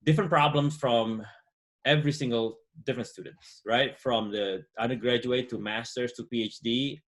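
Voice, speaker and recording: Speaking at a moderate pace with a medium-pitched voice, this man from Indonesia, in his forties, is a guest entrepreneur on a webcam call. The chat is a casual interview from a home room indoors, and his relaxed talk is full of fillers like "you know."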